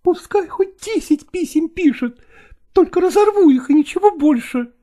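A woman's voice: very high-pitched, animated, moderate pace, warm tone. A woman playing a stubborn, tearful young wife arguing with her father in a dramatized reading, emotional and defiant.

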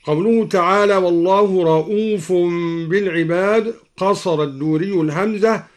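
A man with a somewhat high voice gives a formal lesson from a radio studio. His explanations are measured and careful. Each example is chanted slowly and melodically. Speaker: Quran reading teacher on radio.

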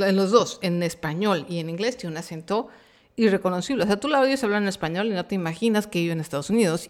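Chatty Mexican woman podcast host. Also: mid-range voice. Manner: chatty, frank, uses slang and fillers. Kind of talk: casual chat monologue.

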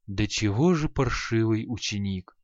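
A sour, grumbling old sorcerer, as a male reader puts him on scoffs in a lowered, muttering voice. The audiobook sounds dull and lo-fi. The booth is dry, with no echo. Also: a little slow, a little mellow, natural voice. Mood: angry. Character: grumpy dead old male sorcerer, spiteful teacher.

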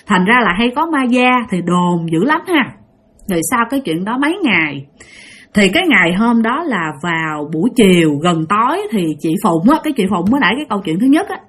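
A woman's voice: on the high side, husky. A woman telling a ghost story, chatty and emphatic, and talking straight to her listeners. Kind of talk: ghost story narration to an audience.

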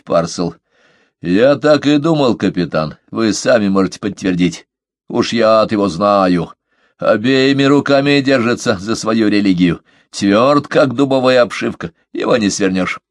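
A man's voice: medium pitch, animated, measured pace, dry recording, clean studio sound, lightly acted. A man voicing a sardonic, scheming sailor who talks in a nasal, sneering, lecturing way.

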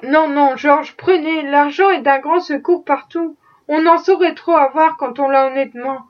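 A woman's voice: sits high, fairly even intonation, moderate pace, lo-fi sound, natural voice. A woman reading as a fretful kindly old man. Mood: concerned. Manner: flustered, fatherly concern. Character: kindly, fretful old male factory owner.

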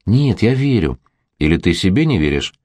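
A man voicing a teasing young woman in an audiobook romance, a little higher than his own voice. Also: sing-song, normal speed, darkish tone, no echo. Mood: wistful. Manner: teasing, playful. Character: young woman, teasing yet tender and anxious.

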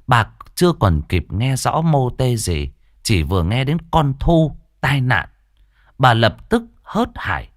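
A man's voice: mid-range voice, a little slow, no echo. A man narrating a ghost story dramatically. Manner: dramatic, expressive. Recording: dry studio voice with faint music.

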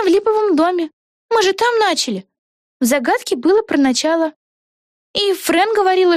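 A woman voicing an excitable young girl witch in a storybook, talking fast and exclaiming eagerly in a very high voice. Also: dry recording, studio quality.

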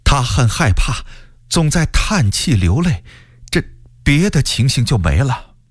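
A man voicing a frightened, fawning palace eunuch in a radio story, drawn-out and servile. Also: medium pitch, big pitch swings, dry recording, studio quality, voice pushed up.

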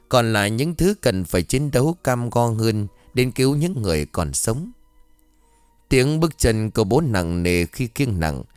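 A man narrating a ghost story in a somber, expressive storytelling manner. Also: lowish voice, dry recording. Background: faint music.

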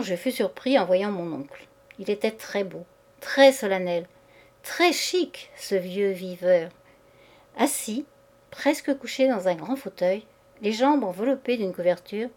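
Woman reader, literary short story, measured expressive narration. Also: medium pitch.

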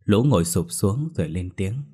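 A man narrating a scripted horror story in a steady storytelling manner. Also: sits low, normal speed, husky.

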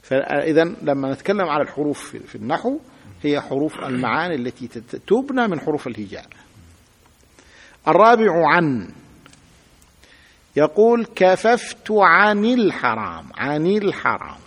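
A man's voice: fairly high pitch, very animated, normal speed, pauses often, breathy edge. A sheikh teaching a grammar lesson, patiently repeating examples and asking his students to say them aloud. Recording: long hall reverb.

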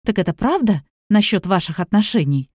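A woman's voice: medium pitch, animated, a little fast, darkish tone, no echo, studio quality, close to an everyday voice. A woman reading the lines of a selfish adult daughter who speaks with scorn and hysteria. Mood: questioning.

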